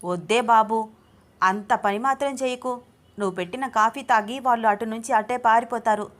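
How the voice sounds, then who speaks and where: A woman's voice: a little high, normal speed, fairly bright tone, close to an everyday voice. Teasing, pushy young husband, read by a woman in a storybook; coaxing tone, ordinary talking voice. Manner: teasing, coaxing, calls his wife babe. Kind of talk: storybook reading.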